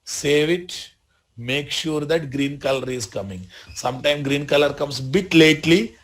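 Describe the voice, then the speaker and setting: A man with a Telugu Indian accent teaches a live software tutorial as an instructor, repeating short phrases and often checking that learners follow. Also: on the high side, unhurried. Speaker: programming instructor.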